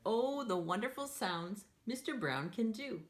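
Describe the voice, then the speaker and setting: In a mid-range, unhurried voice, a woman hosts a read-aloud session for young children. She keeps it playful and animated, encouraging listeners to take part and acting out sound effects.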